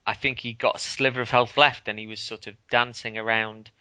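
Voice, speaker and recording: A man's voice: mid-range voice, little pitch movement, a little fast, pushed and bright. A man co-hosting a podcast, recalling a game in casual chat with lots of ums and restarts. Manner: hesitant, many ums and restarts. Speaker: podcast co-host.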